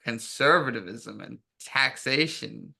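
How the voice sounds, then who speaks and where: A man at a tabletop game voices his character's thoughts, his voice mid-pitched with a bright edge. He speaks wryly and carefully. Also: lively intonation, slow, vocal fry, slightly rough. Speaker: player.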